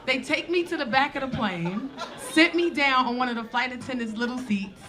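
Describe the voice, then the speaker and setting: A woman in her forties doing stand-up, telling a story in a brash, profane, animated way on a comedy club stage. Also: high voice, moderate pace, crowd noise. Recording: live audience laughter.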